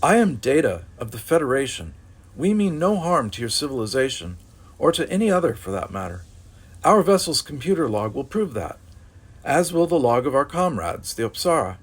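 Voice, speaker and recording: A man voicing a calm male android officer who speaks in a precise, formal way. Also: mid-range voice, normal speed, husky, voice pushed up. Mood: earnest.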